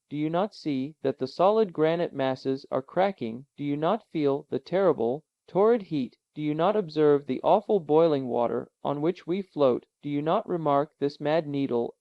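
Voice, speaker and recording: A man's voice: fairly high pitch, dry recording. A man voicing a frightened, exasperated young man who speaks in fierce, angry tones. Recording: dull, lo-fi, dry.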